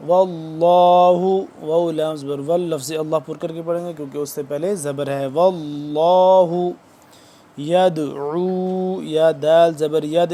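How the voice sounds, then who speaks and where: Male Quran teacher, Pakistani Urdu accent; higher-pitched, soft mellow tone; brisk explanation broken by slow, drawn-out recitation. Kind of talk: tajweed lesson, spelling out letters.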